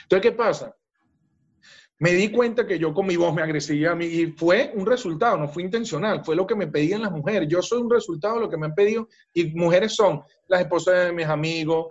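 A man's voice: sits high, a little fast, highs cut off. A man with a Venezuelan accent, a business coach speaking in a podcast interview, emphatic and talking straight to the listener.

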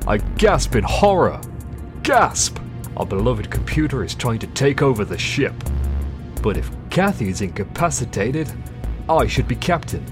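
A man's voice: medium pitch, sing-song, normal speed, music in the background, lightly acted. A man playing a pompous, dim, cheerful space adventurer in a comic sci-fi audio drama, declaiming grandly and obliviously. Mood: grand, cocky.

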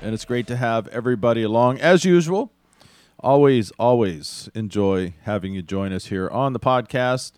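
A man's voice: medium pitch, normal speed, darkish tone, clear, resonant tone, no room sound, studio quality. An American man talking casually as the host of a podcast.

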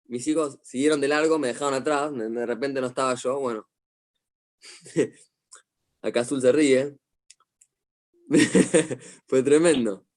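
A man's voice: mid-range voice, measured pace, pauses often, darkish tone. A middle-aged man with an Argentine accent teaches a class over a video call. He is a psychologist who tells stories with animation and keeps asking his listeners questions. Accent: Argentine Spanish. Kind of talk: online lecture to a class.

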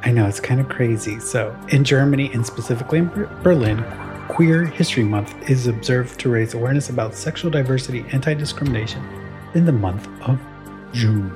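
A man's voice: mid-range voice, fairly quick, music in the background. A young man co-hosting a casual podcast, bantering and running a playful trivia quiz. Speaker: podcast co-host. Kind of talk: casual chat.

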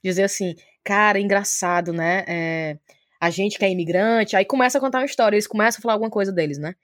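A talkative woman with a Cearense Brazilian Portuguese accent, a guest spinning anecdotes in relaxed conversation. Her voice sits at a medium pitch and she slips into quoted dialogue as she talks. The sound is dry and close, with no room echo. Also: fast. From Ceará, Brazil. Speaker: podcast guest, journalist. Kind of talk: casual storytelling chat.

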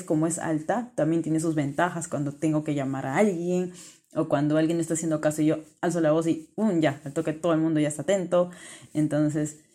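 Hosting a self-help podcast, a woman speaks directly to the listener, earnest and encouraging. Her voice sits low, and she mentions it's naturally loud.

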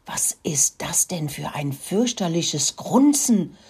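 A woman voicing a curious little boy mouse who speaks in a hushed, eager way. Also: deep voice, expressive, moderate pace, breathy edge, exaggerated voice. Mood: whispering.

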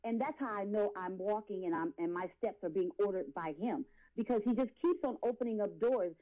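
A mid-range female voice, going a little fast over lo-fi sound, belongs to a woman in her late forties giving testimony as an interview guest. She is an R&B and gospel singer, and her delivery is impassioned, preachy and emphatic, with repetition of phrases.

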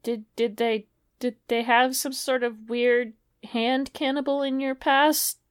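A woman's voice: on the high side, little pitch movement, takes it slowly, clear, resonant tone. A woman co-hosting a casual podcast chat, making joking, self-mocking quips. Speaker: podcast co-host.

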